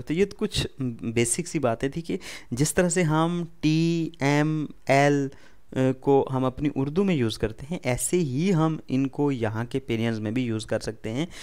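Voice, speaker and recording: A man's voice: medium pitch, a little mellow. A man whose first language is Urdu, speaking with an Urdu accent as he teaches a beginner language lesson, patiently repeating words and quizzing the listener.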